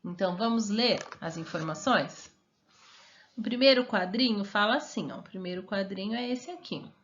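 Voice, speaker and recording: A woman's voice: medium pitch, dull audio. A woman teacher with a Brazilian Portuguese accent giving a remote lesson to young children, stretching out each word and asking coaxing questions. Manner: slow, syllable-stretched reading of words, coaxing questions.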